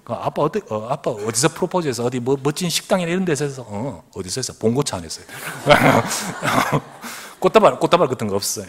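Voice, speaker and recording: Speaking fairly quickly with hardly any pauses, a middle-aged pastor in a church sanctuary uses a mid-range voice, and there is a little hiss or hum in the recording. He preaches through lively stories, laughing and imitating the voices of others.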